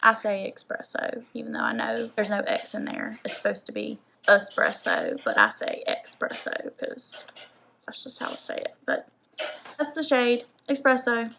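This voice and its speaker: A woman's voice: on the high side, moderate pace, creaky, bright, forceful tone, a little hiss or hum. A young woman from the American South, chatting casually as a beauty vlogger and saying "like" a lot. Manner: chatty, rambling, says "like" often. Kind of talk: casual makeup haul chat.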